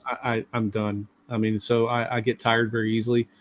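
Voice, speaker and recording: A man's voice: medium pitch, little pitch movement, fairly quick, a little hiss or hum. A middle-aged man hosting a live stream, talking casually and at length with many fillers. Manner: rambling, talkative, lots of fillers.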